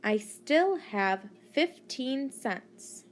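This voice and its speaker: A woman teacher narrating a maths lesson for children, deliberately teaching a child to count and putting questions to the listener. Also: high-pitched, animated. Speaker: primary school maths teacher.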